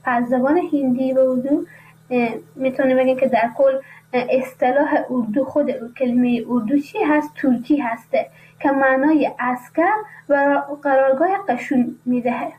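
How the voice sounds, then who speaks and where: High-voiced woman teaching on radio. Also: steady tone. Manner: reads a text, then explains it in casual asides. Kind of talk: radio lesson reading. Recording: dull lo-fi radio sound, faint noise.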